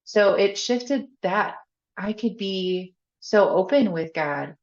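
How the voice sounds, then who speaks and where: A woman's voice: medium pitch, animated, slow pace. A woman guest on a podcast talking candidly in a casual chat, laughing often and saying "like" a lot. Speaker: podcast guest, faith coach. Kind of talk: casual conversational interview. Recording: echoey, slightly dull podcast audio.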